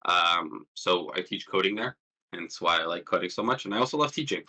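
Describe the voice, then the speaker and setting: Speaking a little fast with lively intonation, a man in his twenties gives an informal online workshop through a push-to-talk call. His voice sits low and sounds pushed and bright, while his manner stays casual, hesitant and self-mocking. He is a student and threat hunter, born in Jordan, who lived in Palestine in childhood.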